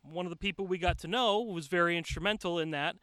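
A high-pitched American man talks quickly in a fairly bright, clear, resonant tone with no echo. He's a wrestler and manager appearing as a podcast guest, sharing casual anecdotes, joking and repeating words for emphasis, recorded outdoors in a shaded backyard.

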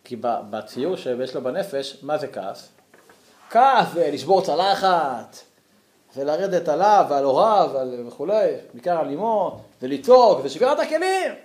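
A man giving a lively Torah lesson to a class, acting out angry letters with sudden high outbursts. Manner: animated, acts out angry letters, jumps high in pitch. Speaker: Torah teacher. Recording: echoey room.

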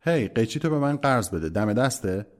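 A man's voice: medium pitch, animated, a little mellow, natural voice. A man voicing a pestering, grubby eighteen-year-old schoolboy who nags and grumbles in an audiobook. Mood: nagging. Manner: nagging, nosy, grumbling.

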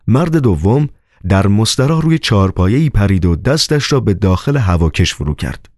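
A man with a low but lively voice narrates a novel expressively, moving his pitch freely from line to line. The recording is dry and close, with no room sound. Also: no echo. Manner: expressive reading. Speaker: audiobook narrator. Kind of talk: scripted narration.

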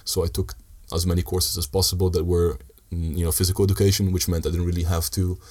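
Casting: young man, very low voice, flat intonation, casual podcast guest with halting, measured phrasing. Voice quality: deep voice. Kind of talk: casual chat.

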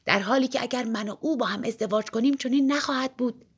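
A woman's voice: on the high side, slightly rough, voice pushed up. A woman voicing a tiny male engineer who jokes theatrically and speaks with mock solemnity. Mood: mock-earnest. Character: tiny jesting male engineer, showy and playful.

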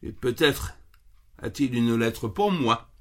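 A man's voice: mid-range voice, expressive, slow pace. A man voicing a lazy, grumbling rat in a children's story.

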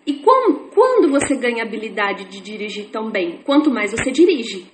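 A woman's voice: fairly high pitch, big pitch swings, brisk, a little mellow. A woman teaching an informal online class, explaining with repetitive, chatty everyday examples. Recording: echoey room with faint noise.

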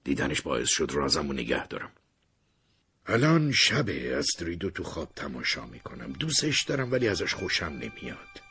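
A man narrating a first-person story in a dramatic, expressive way. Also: a bass voice, breathy edge.

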